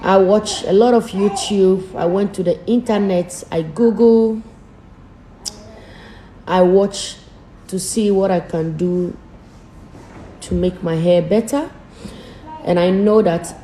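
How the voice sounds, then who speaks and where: Woman, emotional vlog confession, slow unhurried delivery, mellow tone, faint room noise. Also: medium pitch, low-quality recording. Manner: slow, repetitive storytelling with simple phrasing; emotional, soft-spoken confiding. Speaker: vlogger. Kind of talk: emotional personal vlog talk.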